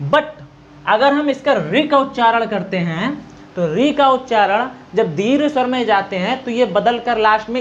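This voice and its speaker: A man teaching an exam-prep grammar lecture, asking and answering his own questions, stretching out vowel sounds and dictating notes. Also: extremely high pitch. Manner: draws out vowel sounds to demonstrate. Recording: dull lo-fi recording with faint noise.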